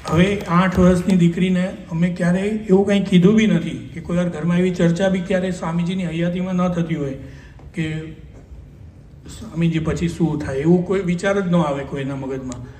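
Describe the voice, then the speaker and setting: A man's voice: high-pitched, steady tone, a little fast, darkish tone, distant mic. A man with a Gujarati accent, a doctor giving a devotional talk at a Sunday assembly, telling a memory in a conversational way and quoting others. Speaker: doctor recounting a spiritual memory. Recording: echoey hall, voice from afar, faint hum.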